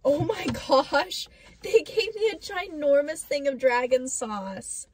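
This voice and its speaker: A bubbly young woman chats her way through a casual mukbang vlog, her voice sitting a little high. She rambles with plenty of fillers, and clear background noise runs under her home recording. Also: animated, slow pace. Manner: bubbly and chatty, with many fillers. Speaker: vlogger.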